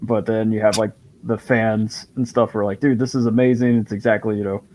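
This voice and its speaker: A man's voice: on the low side, level tone, fairly quick, a little mellow, poor audio. A man in casual chat about a movie, rambling along with lots of fillers.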